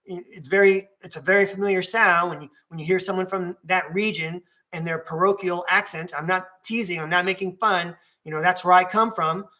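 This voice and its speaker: High-pitched and brisk, with fairly even intonation and hardly any pauses, this older New Yorker hosts a podcast in a bright, forceful tone. His solo talk rambles and digresses, packed with fillers, restarts and self-corrections.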